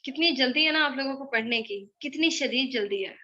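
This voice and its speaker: A young woman with a high, bright voice runs a live online spoken-English class and teases and scolds her students in a brisk way. She slips English phrases into her speech. The sound is dull and lo-fi, as if from a computer mic on a video call. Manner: teasing, brisk and scolding, mixing English phrases into Hindi-Urdu.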